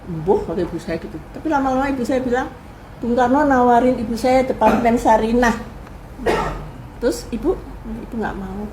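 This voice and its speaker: An older woman recalls her family's past as an interview guest, in a higher voice than most women. She talks casually and with energy, and slips into the voices of the people she quotes. A faint hiss sits under her voice. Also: a little fast. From Indonesia. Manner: animated storyteller who acts out quoted people. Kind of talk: casual spoken reminiscence.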